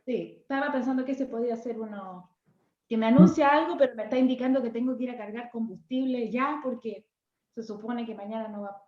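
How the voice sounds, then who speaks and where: A woman's voice: on the high side, a little fast. A woman student from southern Chile, telling an example in class hesitantly, searching for words. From southern Chile, Patagonia. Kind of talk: class discussion. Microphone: video call. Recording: echoey room, lo-fi video call.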